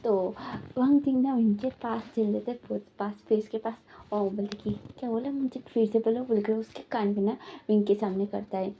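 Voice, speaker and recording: A woman's voice: mid-range voice, fairly even intonation, normal speed, dark tone, a little hiss or hum. A woman casually retelling a romantic fan fiction, rambling along with many repeated fillers. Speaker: storyteller.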